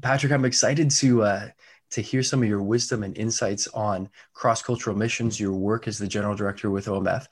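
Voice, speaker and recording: Low, husky-voiced host. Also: male voice, steady tone, fairly quick. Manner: eager, affirming, with frequent fillers. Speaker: podcast host. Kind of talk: podcast hosting and interviewing. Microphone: video call.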